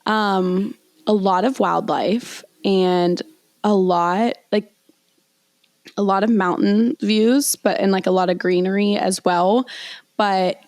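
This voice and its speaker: A young woman co-hosting a podcast, telling stories in a chatty, animated way with many fillers. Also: mid-range voice, slow, dry recording. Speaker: podcast co-host. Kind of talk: casual chat.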